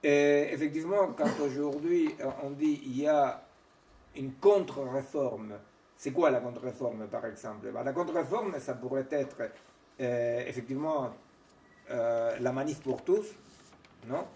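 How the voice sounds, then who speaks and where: A man's voice: mid-range voice, a little slow, warm tone. Man lecturing in an echoey seminar room. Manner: digressive, keeps checking in with "vous voyez", "non?", "hein"; frequent hesitations and restarts. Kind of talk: informal academic seminar lecture. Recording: echoey room, mic far from speaker.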